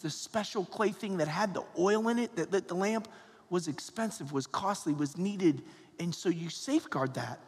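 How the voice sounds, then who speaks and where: High-voiced American priest in echoing church. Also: male voice, breathy edge. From Georgia, United States. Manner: conversational, folksy, often tags phrases with "right?" and "okay?". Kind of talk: sermon and Gospel reading at Mass. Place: large reverberant church interior. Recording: echoing church hall, long cathedral-like reverb.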